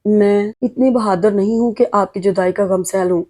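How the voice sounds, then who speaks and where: A woman's voice: mid-range voice, steady tone, dark tone, close to an everyday voice. A woman reading the lines of a loving young wife in an earnest, emotional way.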